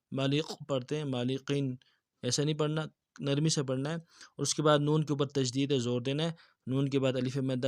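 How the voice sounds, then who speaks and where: A man teaching tajweed, reciting verses slowly and drawn out, then explaining briskly and repeating words for the learner. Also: medium pitch, no echo, studio quality. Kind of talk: tajweed lesson with slow recitation.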